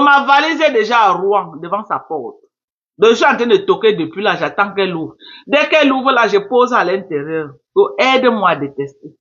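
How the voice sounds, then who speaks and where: A woman's voice: medium pitch, fairly bright tone. A woman hosting a Facebook live, taunting and scolding in a repetitive, mocking commentary. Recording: muffled lo-fi live stream.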